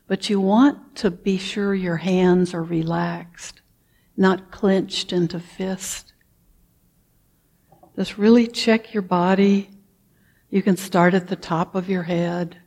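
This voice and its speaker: A woman leading a guided meditation, talking softly and calmly, with frequent throat clearing. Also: mid-range voice. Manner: slow, soft-spoken and calm, with frequent throat clearing. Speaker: meditation teacher.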